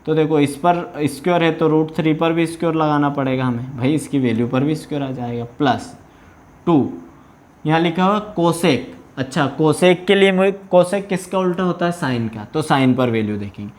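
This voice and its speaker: Indian guy teaching maths on video, patient, keeps checking the kids get it, voice a bit high. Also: moderate pace. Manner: patient, repeats "है ना" to check understanding. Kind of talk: explaining worked problems in a video lesson.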